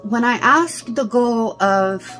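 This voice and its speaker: A woman's voice: fairly high pitch, takes it slowly, a bit bright, soft background music. A middle-aged woman speaks through a cloth face mask, giving a casual, conversational instructional talk as a teacher, often checking in with her listeners. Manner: conversational, explains with everyday comparisons and frequent check-in tags. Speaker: psychic medium and teacher. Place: small indoor room.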